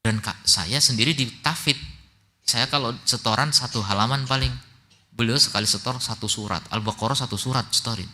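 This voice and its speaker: A man's voice: medium pitch, a little fast, bright, forceful tone. A man teaching a religious study lecture, telling stories in a conversational way, reciting Arabic passages and then translating them. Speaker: Islamic teacher (ustadz).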